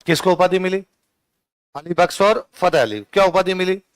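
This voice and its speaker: Exam-prep lecture by a male teacher whose accent is Rajasthani Hindi: he quickly asks and answers his own questions, then slowly dictates notes, repeating each line. His voice is a bit high, clear and resonant, recorded close and dry with no room sound.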